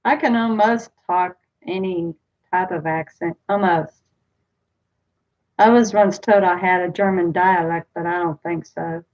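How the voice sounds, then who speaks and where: A woman in her forties from the United States chats casually on a home livestream, reading and answering viewers' comments one at a time from a small indoor room. Her lowish voice is a little slow with fairly even intonation. The built-in webcam mic gives slightly dull, lo-fi sound.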